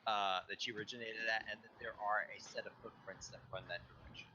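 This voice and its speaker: Low-voiced man running a tabletop game. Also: steady tone, fast talker, bright, forceful tone, lo-fi sound. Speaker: game master. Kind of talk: improvised tabletop game narration. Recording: faint background noise, mouse clicks.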